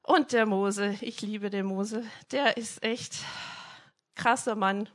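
A woman preacher giving a casual devotional talk and retelling Bible stories in a lively, colloquial way. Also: medium pitch, slow pace.

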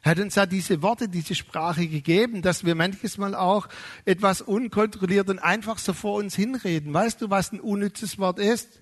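A middle-aged pastor preaching with a high, light voice that rises and swells as he drives his points home. He slows down on key words for emphasis and acts out the people he quotes. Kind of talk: sermon.

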